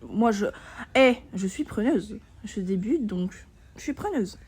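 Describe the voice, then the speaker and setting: A woman's voice: mid-range voice, lively intonation, a little slow, a little mellow, husky. A young woman, a beginner gaming vlogger, chatting casually to her viewers in a rambling way full of fillers. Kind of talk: casual vlog chat.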